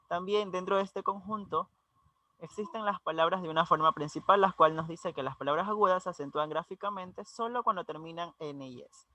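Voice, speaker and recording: A young male student giving a class presentation, reading his notes haltingly and restarting some words. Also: high-pitched, bright, forceful tone, no room sound. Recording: dull lo-fi audio.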